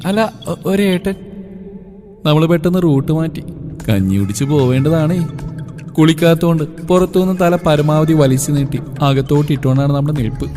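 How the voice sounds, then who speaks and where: A man's voice: on the high side, fairly quick, dark tone. A man narrating a story in a chatty, playful way. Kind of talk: storybook narration, voicing all roles. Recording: long hall reverb, music behind.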